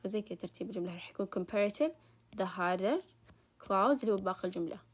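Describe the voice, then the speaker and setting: A young woman with a Hijazi Arabic accent talks through a grammar lesson for fellow students. She sounds relaxed and informal. She lingers on each example word and then hurries through her explanations. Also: mid-range voice. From Saudi Arabia. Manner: stretches examples slowly, rushes through asides. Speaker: student tutor. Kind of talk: casual recorded grammar lesson.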